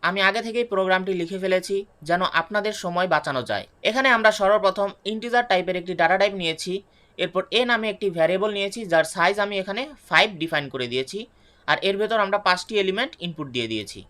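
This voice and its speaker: A woman teaching a programming lesson, explaining each step, then asking and answering her own questions. She reads English definitions slowly and restates them in Bengali. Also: medium pitch, fairly bright tone. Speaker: programming tutor. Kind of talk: screen-recorded coding lesson.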